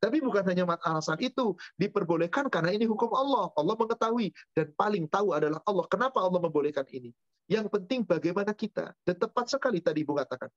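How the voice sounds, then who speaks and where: A man's voice: high voice, animated, fast, no echo. Man, Islamic teacher, rhetorical questions, spoken lists, lo-fi, dry sound. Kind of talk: Q&A religious study talk.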